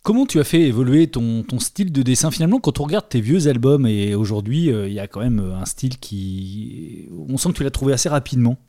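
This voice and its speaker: A man's voice: medium pitch, animated, fairly quick, few pauses, dark tone. A man interviewing a comics author, engaged and asking long questions. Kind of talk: casual interview.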